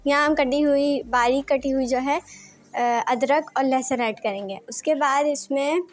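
A woman giving a calm, step-by-step recipe voice-over as a cooking channel host. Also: high-pitched, unhurried. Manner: calm, plain instructional tone.

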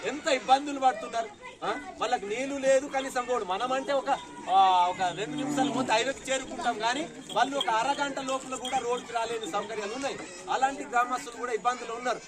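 A high-pitched man with a Telangana Telugu accent delivers a rousing stump speech outdoors in a village. He thanks local leaders and urges the crowd to back his party. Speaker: political speaker. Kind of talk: public speech at a village gathering.

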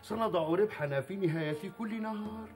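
Actor playing a high-pitched, persuasive scheming butcher. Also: male voice, a little fast, a little mellow, soft background music, natural voice. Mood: explaining, persuasive. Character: assured butcher and business partner, persuasive, scheming planner. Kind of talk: theatrical historical TV acting in formal Arabic.

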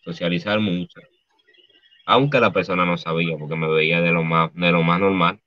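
A man with a Dominican accent, a guest artist speaking haltingly and softly, with many restarts, over dull lo-fi video call audio. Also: deep voice, fairly even intonation. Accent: Dominican Spanish. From Dominican Republic. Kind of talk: emotional interview.

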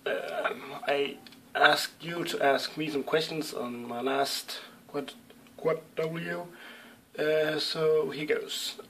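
Slow and steady in a fairly high, fairly bright voice, this young YouTube gamer from Denmark answers viewer questions from a small room at home, with a little hiss or hum on the recording. English isn't his first language, and his Danish-accented delivery is hesitant, with many ums and self-corrections.

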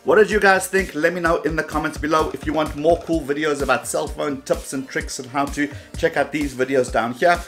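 A man's voice: on the high side, fairly even intonation, brisk, few pauses, fairly bright tone, soft background music. A man hosting a tech video, talking upbeat and enthusiastic as he wraps up. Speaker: tech vlogger host. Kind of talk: casual video outro.

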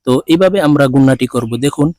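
A man with a Bangladeshi accent teaching Quran reading, spelling each word letter by letter and then chanting it slowly and drawn out. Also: mid-range voice, darkish tone, dry recording. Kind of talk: spelling out and slowly reciting Quranic words in a lesson.

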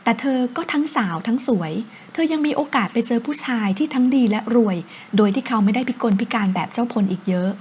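A woman voicing a stern, wealthy older mother-in-law who speaks in a measured, cautioning way, on a dull recording with faint hiss. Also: a little high, animated, darkish tone, lightly acted.

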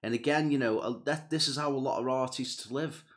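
Fairly quick and a bit bright, a young adult man's medium-pitched voice carries his music reaction video, recorded on a headset in a small room with purple lights and a gaming chair. He's casual and enthusiastic, yet earnest on serious matters.

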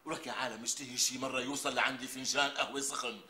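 A man's voice: medium pitch, steady tone, very fast, reverberant, background noise, natural voice. An actor playing an irritable, bossy man with a Damascene Syrian accent, barking curt, insulting orders. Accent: Damascene Syrian Arabic. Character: irritable, bossy man grumbling about cold coffee.

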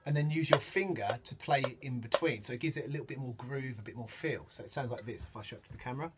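A man's voice: medium pitch, fast, over loud music. A man teaching samba percussion, counting beats and singing the rhythms aloud as he demonstrates. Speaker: music teacher. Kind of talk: instrument demonstration lesson. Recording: loud drumming behind the voice.

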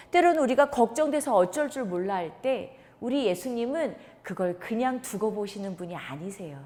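A woman preacher telling a Bible story to young children in an animated, sing-song way and acting out the characters' lines. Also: mid-range voice, in a large hall. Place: church.

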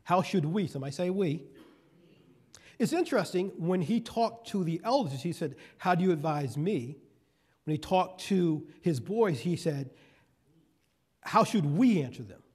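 A man's voice: high-pitched, animated, measured pace, darkish tone, slightly rough. A male guest preacher giving a sermon, reading scripture verses and then explaining them in folksy asides. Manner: repeats key phrases for emphasis.

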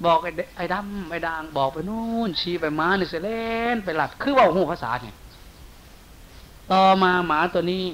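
Thai monk telling a folk tale, Isan accent. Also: male voice, high voice, normal speed. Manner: storytelling in lively folksy speech, softening for quoted lines. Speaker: monk preacher. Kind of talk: sermon storytelling. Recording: faint hiss.

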